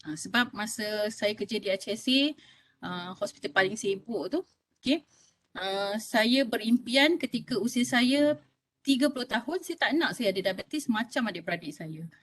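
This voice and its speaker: A woman in her fifties, a doctor with a Malaysian Malay accent, delivers a conversational health talk and often checks with listeners by saying "okey?". She speaks at medium pitch and a normal speed.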